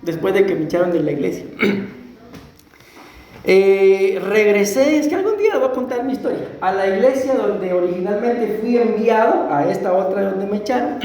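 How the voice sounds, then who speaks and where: Costa Rican pastor preaching in an echoey church. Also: male voice, sits high, darkish tone. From Costa Rica. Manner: conversational, clears throat often, asks the congregation questions. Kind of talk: sermon with personal testimony. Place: church sanctuary.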